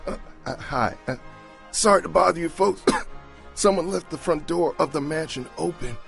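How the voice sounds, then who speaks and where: A man's voice: a little high, moderate pace, gravelly, fairly bright tone, faint music behind. A man acting a meek, apologetic homeless beggar with a hesitant, stammering delivery in a comedy sketch. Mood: meek pleading.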